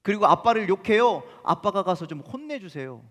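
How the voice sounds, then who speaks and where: A man's voice: sits high, very animated, fairly quick, a bit bright, long reverb tail, pitched above the performer's own voice. A pastor voicing a young daughter pleading with her father for help.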